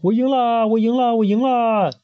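A squealing, bossy queen, put on by a man reading a storybook aloud, pitched high and swooping all over. She snaps out commands in a petulant, spoiled way. The recording is muffled and lo-fi. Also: big pitch swings, moderate pace, breathy edge, exaggerated voice. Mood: bossy shrill. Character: haughty, spoiled, childish woman queen.

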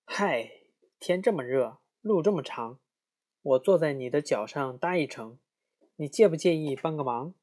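A man's voice: a little high, lively intonation, normal speed, darkish tone. A man reading aloud, voicing a cheerful little male bug who talks in a friendly, laughing way.

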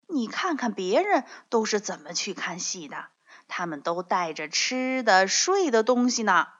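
A woman's voice: mid-range voice, big pitch swings, unhurried, fairly bright tone. A woman voicing an apologetic, chatty doorman in a children's story, explaining patiently. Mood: matter-of-fact advising. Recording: slightly dull, lo-fi audio.

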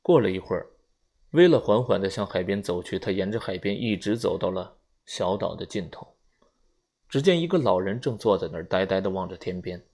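A man narrates an audiobook in a measured, even manner. His voice sits low and has a gravelly edge.

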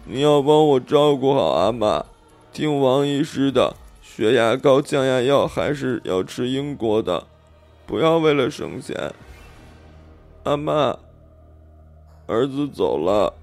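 A gentle young man's ghost speaks softly and tenderly through a medium, as a male storyteller puts him on. His words come out slowly, and faint music sits behind him in this audiobook. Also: on the high side, lively intonation, voice pushed up. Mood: tender farewell. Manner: soft, slow and tender. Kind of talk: audiobook character voice.

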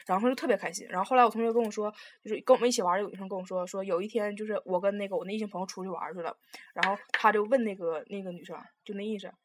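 A young woman, telling a story in casual chat, rambling and animated with lots of restarts. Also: mid-range voice. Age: young adult.

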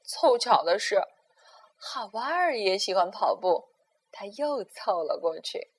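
A woman storyteller reading a children's story aloud in a gentle, expressive way. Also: medium pitch, slow, husky.

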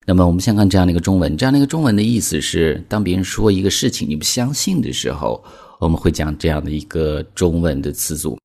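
A man's voice: low voice, lively intonation, quick pace, gravelly, darkish tone. A man teaching English in a chatty, explanatory way, filling his talk with small connecting words. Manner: chatty, explanatory, frequent "那么" fillers. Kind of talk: language lesson explainer.

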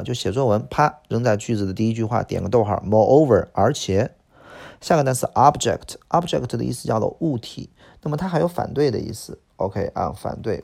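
A man with a low, gravelly voice runs through English vocabulary, explaining it in Mandarin as his own language. He repeats each word, mixes in casual little stories, and keeps the lesson moving. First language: Mandarin Chinese. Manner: lively, repeats words, chatty asides. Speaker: English teacher.

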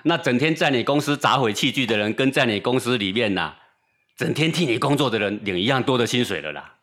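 A man's voice: medium pitch, animated, a little fast, a bit bright. A man lecturing in dialogue, emphatic and rhetorical, often asking his listener if he is right. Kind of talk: lecture on Confucian ethics in dialogue.

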